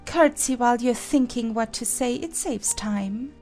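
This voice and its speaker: A haughty chess queen from a children's audiobook, orders and corrects in an imperious way. Her voice is high and creaky, with faint music behind it. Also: measured pace, a little mellow. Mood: haughty, boastful. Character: haughty, bossy Red Queen, a living chess piece. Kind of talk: dramatized children's audiobook acting.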